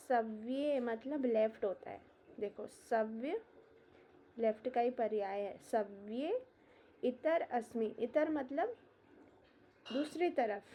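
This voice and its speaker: A woman's voice: on the high side, dark tone. Brief: female Ayurveda tutor, lecture-style exam prep, explains through memory tricks, slight background noise. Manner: mixes Sanskrit verses with Hindi and English terms. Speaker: Ayurveda teacher. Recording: dull lo-fi lecture recording.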